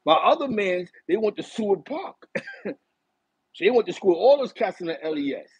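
Animated middle-aged New York man. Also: sits high, moderate pace, slightly rough, no room sound, rough recording. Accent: New York City. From East Harlem, New York City. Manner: animated, gestures a lot while reminiscing. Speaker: host. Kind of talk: casual storytelling to a live chat. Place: small bright room indoors.

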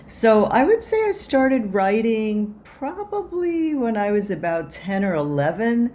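A woman from Cuba, an author and anthropologist, answering interview questions over a video call in a reflective way with many pauses and restarts. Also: on the high side, big pitch swings, mellow. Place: home office.

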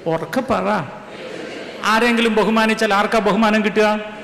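Man preacher, higher voice, pushes the congregation to answer him, reverberant hall. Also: fairly bright tone. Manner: rhetorical questions, urging the crowd to answer aloud. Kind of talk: sermon to a congregation. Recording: echoey hall with faint ambience.

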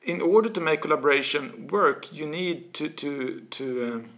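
A Swedish-accented author in his forties, a guest in a casual interview, speaks at a moderate pace in a fairly high voice. Animated and gesturing a lot, he repeats and restarts words while searching for them. He's recorded on a desk mic in a small office studio.

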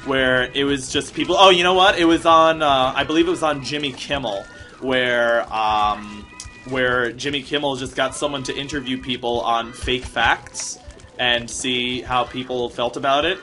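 A bright, ringing voice of an airheaded Buddhist monk drawling in a California Valley Girl accent, as a man puts it on. Every thought runs through "like" and "totally," sunny and clueless. A man playing the monk for an improvised comedy bit. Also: mid-range voice, normal speed, faint music behind, lightly acted. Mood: ditzy. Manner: ditzy, peppered with "like" and "totally".

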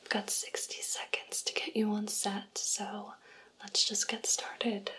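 A woman's voice: mid-range voice, monotone, slow. Woman whispering as a backstage makeup artist. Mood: brisk caring. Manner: gentle unvoiced whisper, close to the mic. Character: brisk backstage makeup artist, female, kindly. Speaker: ASMR creator. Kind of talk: whispered role-play. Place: small indoor room with purple light. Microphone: close studio microphone.

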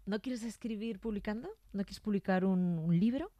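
A woman's voice: mid-range voice, normal speed, no room sound, highs cut off. Curious Spanish radio host woman. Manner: curious, follows up with repeated questions. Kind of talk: casual radio interview.

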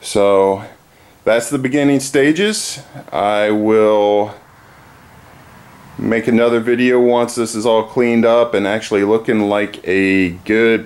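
This fitness vlogger, a man in his thirties, has a lowish, smooth voice and talks in a relaxed, rambling way full of fillers. He holds the camera at arm's length while chatting for his vlog outside his house before moving into the garage.

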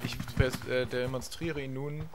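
A man's voice: medium pitch, little pitch movement, unhurried. A man playing a video game and joking casually, with teasing banter. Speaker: let's play co-commentator. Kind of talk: casual gaming commentary. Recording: loud game music over voice. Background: loud game music.

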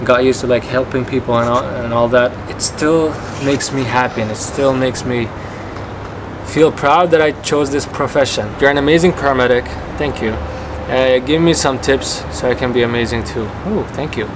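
A man in his twenties casually answering viewer questions in a relaxed, chatty way, with lots of fillers and restarts. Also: medium pitch, normal speed. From Canada and Qatar. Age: 20s. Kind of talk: casual Q&A vlog. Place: home office, then outdoor courtyard. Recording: echoey room with clear background noise.

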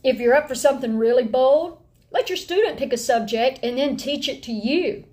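A middle-aged woman with an Appalachian accent, chatting casually to camera in a folksy, animated, expressive way. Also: sits high, normal speed. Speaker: homeschooling parent and vlog host. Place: indoor room at home.

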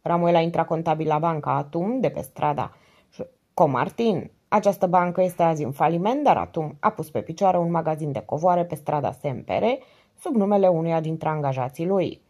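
A woman narrating an audiobook in a calm, measured reading voice. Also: low voice.

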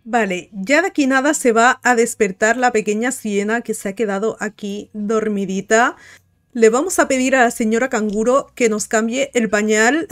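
A woman's voice: on the high side, moderate pace. A woman giving casual gameplay commentary, cooing and chatting to the game characters. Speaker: gaming video host. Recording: light music behind.

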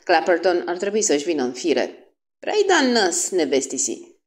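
Woman playing gruff old man, hoarse and trembling; audiobook. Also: fairly low pitch, big pitch swings. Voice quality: hoarse, quavering. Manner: gruff, chuckling.

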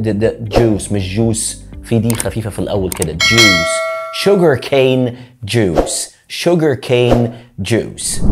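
A man with an Egyptian Arabic accent teaching English vocabulary, repeating each word slowly and throwing in joking asides. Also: medium pitch, a little mellow. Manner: drills words by slow repetition, joking asides. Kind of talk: vocabulary lesson.

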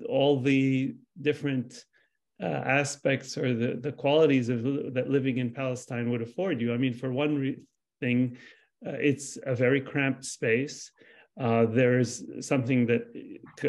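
A man in his sixties from Lebanon, a translator speaking thoughtfully on a video call panel, with many pauses and restarts. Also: mid-range voice, vocal fry, a little mellow. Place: home room with framed pictures. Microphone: video call webcam.

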